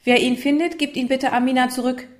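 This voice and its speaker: Brief: woman doing a schoolteacher addressing the class, loud and high. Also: steady tone, brisk, close to an everyday voice. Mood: firm. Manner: calling out loudly to a class. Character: adult woman schoolteacher, friendly and firm.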